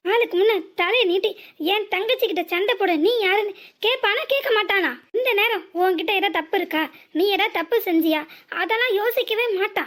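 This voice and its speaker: A woman's voice: very high-pitched, fairly bright tone. A woman voicing a worried, scolding mother in a cartoon serial, who frets aloud and throws blunt insults at her daughters. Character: worried, scolding middle-aged Tamil mother.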